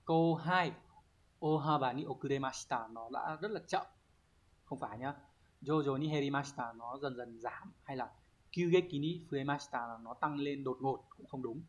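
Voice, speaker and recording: A man walking students through exam vocabulary in an online lesson, at an average pitch for a man. He reads each Japanese sentence aloud and then breaks it down. He keeps checking in with the class through quick rhetorical questions. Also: highs cut off. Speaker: Japanese teacher.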